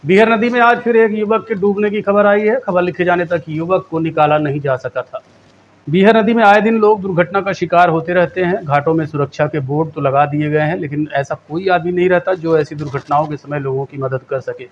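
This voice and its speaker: A man reading a local news bulletin in a steady, formal voice. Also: a little high, brisk, dull audio, slight background noise. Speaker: news anchor.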